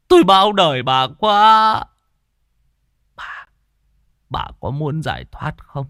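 A man's voice: medium pitch, gravelly, a bit bright, dry recording, studio quality, voice pushed up, heavily acted. A man voicing a crippled, remorseful middle-aged husband who speaks in choked, sobbing pleas in a storybook reading.

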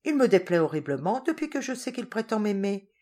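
A woman's voice: medium pitch, sing-song, brisk, darkish tone. A woman reading the part of an earnest eighteen-year-old girl in a storybook, pleading and sweet.

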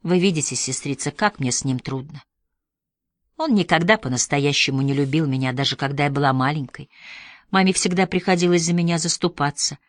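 Woman voicing a soft-spoken, gentle young woman. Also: low voice, fairly quick, dry recording, studio quality, natural voice. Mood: tearful. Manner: quiet and earnest.

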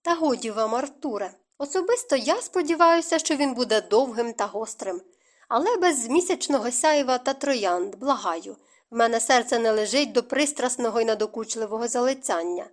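Woman reading a cool, self-assured young woman, dry and ironic, audiobook, fairly high voice. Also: animated, moderate pace, natural voice. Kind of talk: audiobook narration.

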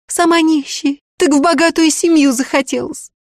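A woman voicing a high, desperate peasant girl. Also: steady tone, dry recording, clean studio sound. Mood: pleading. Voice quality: high, pleading and fast.

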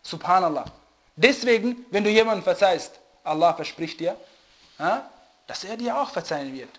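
A man's voice: high-pitched, animated. A man giving a religious lecture who often stops to search for the right word and checks whether listeners follow. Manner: often pauses to search for German words; asks listeners to confirm they follow. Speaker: religious teacher. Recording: dull lo-fi recording.

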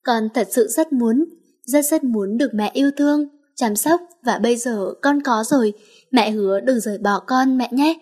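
A woman's voice: on the high side, moderate pace, a little mellow, breathy edge. A woman voicing a hurt little boy of about five who pleads tearfully with his new mother in an audiobook story. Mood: pleading.

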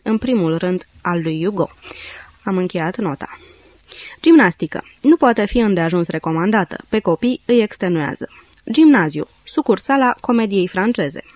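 Woman narrating an audiobook, steady and dry delivery, mid pitch, close dead-dry studio sound. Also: dry recording. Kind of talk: scripted audiobook reading.

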